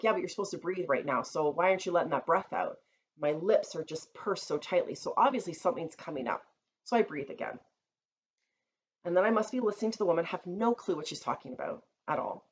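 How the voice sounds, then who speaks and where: A woman vlogger telling a personal story in an earnest, reflective way, often pausing with fillers. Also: fairly low pitch. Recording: slightly dull recording with faint room noise.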